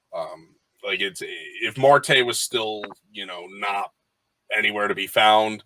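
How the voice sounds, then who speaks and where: A man's voice: lowish voice, bright, forceful tone, no room sound, rough recording. A man co-hosting a podcast, talking baseball casually with lots of fillers and restarts. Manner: rambling with frequent fillers and restarts. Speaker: podcast co-host. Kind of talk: casual sports chat.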